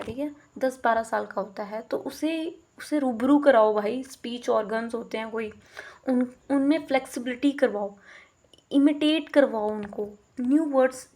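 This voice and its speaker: A woman's voice: high voice, a little slow, a little mellow. A young woman teacher giving an explanatory lecture, code-switching between Hindi and English and often checking in with the listener. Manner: explanatory, mixes Hindi with English phrases, frequent check-ins.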